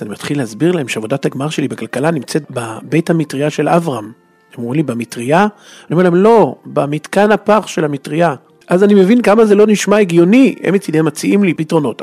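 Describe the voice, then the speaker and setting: Husky man telling a comic story. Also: fairly high pitch, darkish tone. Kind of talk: comic first-person storytelling.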